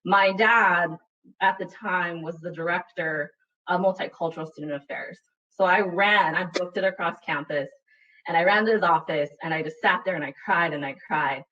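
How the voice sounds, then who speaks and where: A woman's voice: on the low side, moderate pace, bright, forceful tone. A woman from Utah, a panelist telling a personal story in a webinar, earnest and reflective, often checking in with "right?". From Utah, USA. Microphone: video call computer mic. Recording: dull, distant webinar audio.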